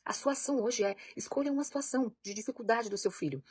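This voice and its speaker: A woman's voice: on the high side, fast talker, darkish tone, slightly rough, no room sound, studio quality. A woman, a parenting coach giving an earnest, emphatic faith-based talk to camera.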